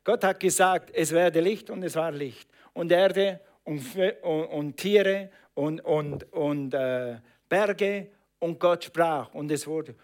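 A man's voice: on the high side, slow. A man preaching a sermon, stressing and repeating phrases and calling on the congregation to answer back. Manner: emphatic, repeats phrases, calls on congregation to respond.

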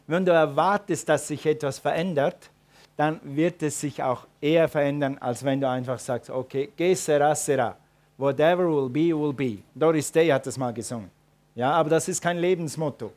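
A man's voice: a little high, normal speed, darkish tone. A man preaching a sermon and calling his congregation to respond. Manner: preaching with rising emphatic calls to the congregation. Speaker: pastor.

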